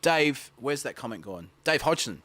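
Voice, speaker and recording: Bright, lively man hosting a stream. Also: mid-range voice, normal speed. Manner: chatty, laughing, reads out viewer comments. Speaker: livestream host musician. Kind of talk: casual livestream chat. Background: guitar playing.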